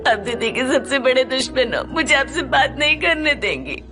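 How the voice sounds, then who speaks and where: A woman voicing a lonely, distressed young schoolgirl in a dubbed TV drama, speaking slowly through tears. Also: sits high, expressive, over music. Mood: sulky. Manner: tearful, slow, halting.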